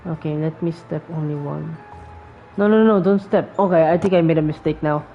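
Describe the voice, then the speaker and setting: A woman with a low-pitched voice, speaking at normal speed, streams games and gives casual commentary, thinking aloud and often repeating words and phrases. Her dull lo-fi mic sits over faint game music.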